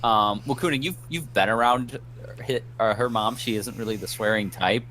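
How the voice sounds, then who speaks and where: A man narrating a tabletop game as game master, halting and restarting with many ums. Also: fairly low pitch, pushed and bright, a little hiss or hum.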